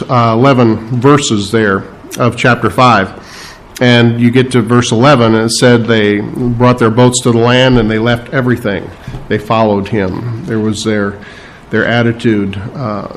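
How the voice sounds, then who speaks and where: A man preaching a sermon in an unscripted, halting way, often restarting his phrases. His pitch sits in the ordinary middle range for a man. He slows down to stress the words he wants remembered. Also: slight background noise, rough recording. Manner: unscripted, halting delivery with many fillers and restarts; explains scripture verse by verse, stressing key words. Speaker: pastor.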